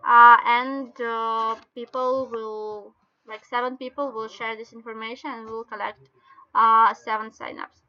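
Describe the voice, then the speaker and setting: A woman with a Russian accent explains things step by step in halting non-native English, like an informal online training session. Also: on the high side, flat delivery, sharp tone. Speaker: webinar presenter. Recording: dull lo-fi webinar call audio.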